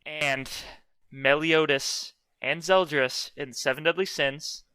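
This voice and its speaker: A man co-hosting a casual podcast, talking in an excited, joking way and reeling off trivia. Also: fairly high pitch, slow pace, smooth, no room sound. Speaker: podcast co-host. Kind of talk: casual chat.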